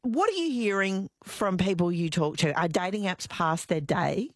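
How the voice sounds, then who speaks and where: An Australian woman hosts a talkback radio show in a chatty manner, her voice rising and falling a great deal. She reads quiz clues slowly and carefully into a studio microphone. The sound is close and dry. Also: lowish voice, lively intonation, no echo. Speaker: radio host.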